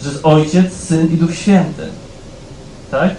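A man preaching a sermon in a conversational way, often checking in with the congregation and growing louder as he reads scripture aloud. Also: a little high, steady tone, slow, reverberant, slight background noise, rough recording. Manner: conversational, keeps asking "tak?" of the congregation; rises louder when reading scripture aloud.

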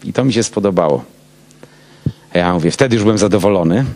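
A man, a pastor, telling a personal story in a casual, animated way and acting out both sides of the dialogue. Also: low-pitched, brisk.

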